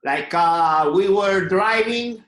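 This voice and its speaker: A man teaching an online drawing class, talking slowly and patiently and often checking in with "okay?". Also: high voice, fairly bright tone, reverberant, low-quality recording. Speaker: art teacher.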